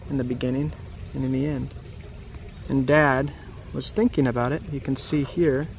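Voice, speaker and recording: This reader, a man in his thirties, has a mid-range, creaky voice and a level tone, going at normal speed. He reads a picture book aloud to children in a grassy, wooded yard, with simple phrasing plus chatty asides and questions. The outdoor camera recording includes background noise.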